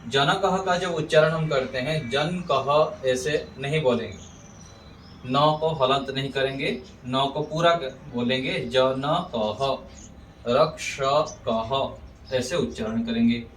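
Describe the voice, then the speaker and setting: A man giving a slow pronunciation lesson, drawing out each example with careful repetition. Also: mid-range voice, a bit bright. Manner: drawn-out, carefully enunciated examples, repeated for drilling. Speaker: Sanskrit teacher. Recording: echoey room, distant mic, faint ambient noise.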